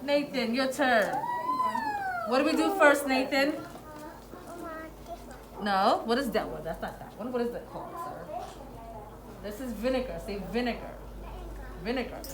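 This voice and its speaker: A woman's voice: on the high side, expressive, a little slow, long pauses, reverberant. A woman teaching young children through a hands-on demonstration, giving short, repeated instructions and encouraging praise. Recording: classroom with children's chatter around. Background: group of children.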